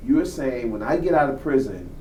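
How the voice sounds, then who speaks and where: A man's voice: mid-range voice, sing-song, normal speed, warm tone, far from the mic, a little hiss or hum. Fifties male reverend interviewer, probing, heard off-mic in a roomy space. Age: 50s. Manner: probing, repeats his questions. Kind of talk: conversational interview.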